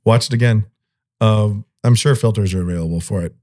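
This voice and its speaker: A man co-hosts a podcast in loose, casual conversation. He rambles and laughs easily, with a lowish, mellow voice. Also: fairly quick. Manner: rambling, laughs often, chatty. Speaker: podcast co-host. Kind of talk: casual chat.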